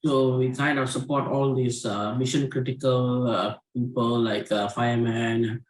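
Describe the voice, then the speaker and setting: A man guest chats in a friendly, easygoing way on an online panel. His voice sits at a middle pitch, with noticeable room echo around it. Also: flat delivery, a little slow. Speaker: panel guest, HR business partner. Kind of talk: casual panel chat.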